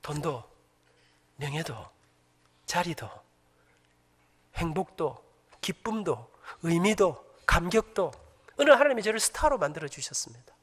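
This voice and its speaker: A man's voice: on the high side, animated, a little slow, long pauses, fairly bright tone, slightly rough. A middle-aged man, a church elder, giving a humorous, emphatic testimony to a congregation in a church sanctuary. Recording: echoey church hall.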